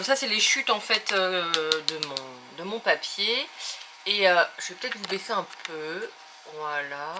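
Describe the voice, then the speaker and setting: A woman's voice: mid-range voice, noisy background. A woman hosting a casual craft tutorial, talking hesitantly with many fillers as she thinks aloud while working.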